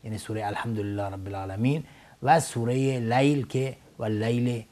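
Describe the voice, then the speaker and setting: A man teaching Quranic recitation on a television lesson, speaking in a measured, formal way with frequent hesitation fillers. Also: medium pitch, warm tone. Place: TV studio.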